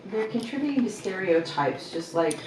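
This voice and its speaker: A woman's voice: medium pitch, very animated, moderate pace, a little mellow. A woman chatting casually from off camera as a companion to the host. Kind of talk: casual chat. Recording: distant, echoey room with faint noise.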